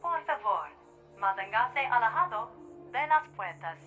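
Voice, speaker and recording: Train station announcer, female, polite, formal porter-style delivery, highish pitch, game audio, loud music. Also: very animated, moderate pace. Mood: formal, courteous. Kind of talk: scripted public transit announcement.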